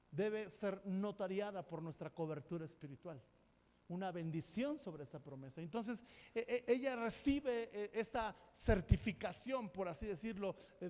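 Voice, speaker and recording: A pastor preaches with fervent, emphatic delivery, his voice pitched high for a man. It carries a long reverb from the church hall around him. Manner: impassioned, emphatic preaching, at times shouting. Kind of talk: sermon. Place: church sanctuary.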